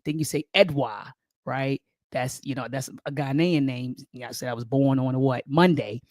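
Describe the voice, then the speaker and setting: Her voice is a rumbling, darkish low with fairly even intonation and a moderate pace, captured dry in studio quality. This middle-aged spiritual speaker from Baltimore County, Maryland, speaks with an American accent as an interview guest, sharing personal stories with emphasis, repetition, and frequent check-ins with her audience.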